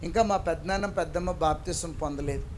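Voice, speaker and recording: A man's voice: on the high side, fast talker. A man preaches at a church prayer service. He tells his stories with life, acting out each person in them. A faint hiss sits under the recording. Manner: animated storytelling, acting out the people in his stories. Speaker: pastor. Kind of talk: sermon. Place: church during an all-night prayer service.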